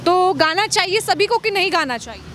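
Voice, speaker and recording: Street reporter: woman, very high and bright, probing, outdoors with faint traffic noise. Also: lively intonation, a little fast. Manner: probing questions, frequent hums of assent.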